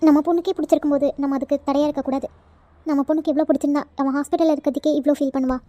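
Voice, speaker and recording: Woman doing a village mother, high voice, coaxing and motherly, dry close sound, cartoon. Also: fairly even intonation, very fast, mellow, dry recording, dull audio, close to an everyday voice. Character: caring village mother, gently scolding. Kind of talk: cartoon voice acting.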